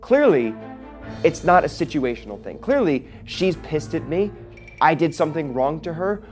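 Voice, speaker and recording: A man's voice: on the high side, big pitch swings, normal speed, darkish tone, faint music behind. A man contestant in a confessional, speaking bluntly and sarcastically. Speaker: reality game contestant. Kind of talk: confessional interview.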